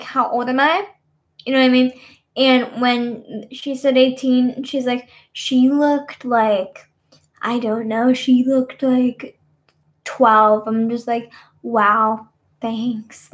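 High-pitched girl in her 20s rambling on a webcam stream in her bedroom, lots of "you know". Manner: rambling, many fillers like "you know what I mean". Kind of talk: casual webcam chat. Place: small bedroom, indoors. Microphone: webcam at desk.

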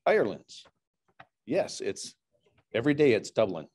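A middle-aged man delivers a humorous club speech in the manner of telling dad jokes. His pitch is ordinary for a man but moves around in an animated way. He lays out setups and punchlines as a prepared routine. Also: a little slow, breathy edge. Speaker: speaker at a public speaking club. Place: large indoor meeting room with low ceiling.

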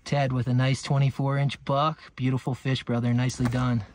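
A man with a mid-range voice hosts a fishing channel, giving upbeat play-by-play from a boat on a lake in casual fishing commentary. His delivery is brisk but flat, and the action-camera recording carries heavy background noise.

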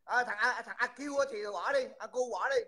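A man's voice: very high-pitched, a little fast, sharp tone. A man, hosting a livestream and mockingly insulting someone over and over. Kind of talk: heated livestream taunting.

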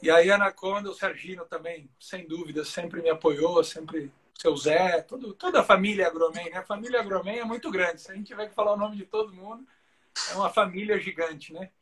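A man's voice: high voice, a little fast, a bit bright. A man, a show jumping rider, telling stories in a casual live interview, chatty and full of fillers like "cara". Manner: chatty, fills talk with "cara" and "né".

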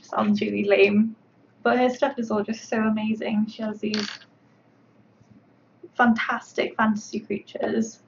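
Gravelly, flat-voiced woman chatting on stream. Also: mid-range voice, unhurried, long pauses. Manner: chatty, rambling, full of fillers. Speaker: sculptor livestreaming her work. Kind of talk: casual livestream chat while painting. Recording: dull lo-fi stream audio with faint background noise.

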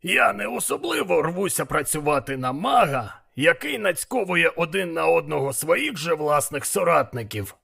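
A man's voice: on the high side, sing-song, normal speed, vocal fry, hardly any pauses, sharp tone, slightly rough, voice pushed up, full character voice. A man voicing a blunt, bossy male demon mentor in an audiobook, scolding and impatient. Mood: scheming. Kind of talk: audiobook character voice.

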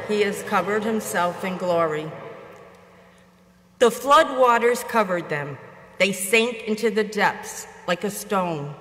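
A woman in her sixties reading scripture as a church lector, deliberate and declamatory, with cathedral echo. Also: medium pitch, fairly bright tone. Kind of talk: scripture reading and responsorial psalm. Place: inside a church, at the lectern. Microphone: lectern gooseneck microphone.

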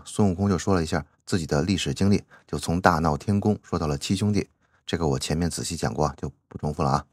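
A man's voice: sits low, darkish tone, no room sound, studio quality. A man giving chatty commentary as he reads out a classic novel, drawing out his sentence-final particles. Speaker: channel host.

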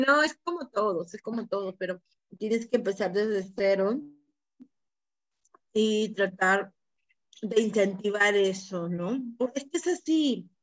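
Brief: Peruvian woman teacher advising students, mid pitch, dull lo-fi call audio. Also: animated, measured pace. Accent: Peruvian Spanish. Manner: advising, tag questions "¿no?". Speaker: college instructor. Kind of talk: online class feedback.

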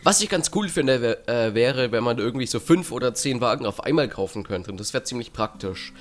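A man's voice: mid-range voice, animated, fairly quick. A man giving casual let's play commentary with sarcastic, dry asides. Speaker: let's player.

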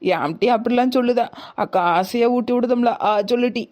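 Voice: medium pitch, brisk, a little mellow, close to an everyday voice. A voice actor playing a trusting, affectionate village woman in a cartoon comedy. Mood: insistent. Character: gullible village woman, one of the sisters.

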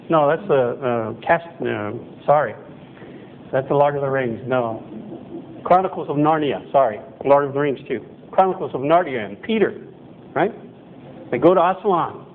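Chatty male pastor, tinny lo-fi sound. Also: fairly high pitch. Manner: conversational, self-correcting, acts out quoted voices. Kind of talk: sermon. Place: church chapel hall with projector screen, indoors. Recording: tinny phone-like sound with faint noise.

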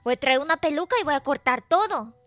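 A woman's voice: sits high, expressive, quick pace, fairly bright tone, no room sound, faint music behind. A woman streaming as a VTuber, chatting casually and playfully, teasing her chat and reading messages aloud.

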